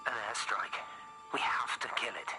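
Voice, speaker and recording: A man's voice: normal speed, over music, natural voice, rough recording. An actor playing an insistent man who demands an airstrike to stop a threat. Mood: urgent. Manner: pressing, insistent.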